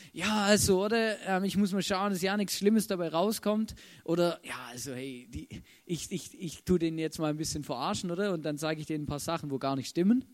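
Guy preaching, high voice, super chatty, keeps asking the crowd. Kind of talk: casual sermon.

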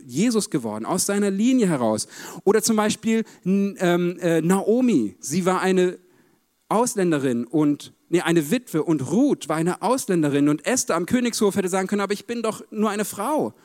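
High-voiced male preacher, emphatic. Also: a little mellow. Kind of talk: sermon.

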